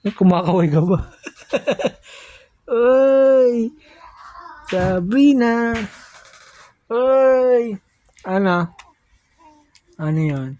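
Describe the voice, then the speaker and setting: A woman's voice: fairly high pitch, animated, extremely slow, pauses often, dark tone, low-quality recording. A woman filming a baby at home, coaxing and cooing encouragement in a casual home video.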